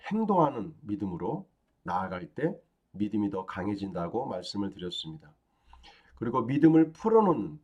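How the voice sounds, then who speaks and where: A man as pastor giving a daily devotional sermon, calm and teaching, with frequent fillers and rising emphasis on key phrases. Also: on the low side.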